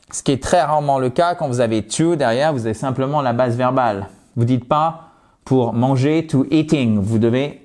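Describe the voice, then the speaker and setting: Slow-talking teacher. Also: male voice, a little high. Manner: lively, playful, repeats words slowly to drill them. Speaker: English teacher. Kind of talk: online English lesson.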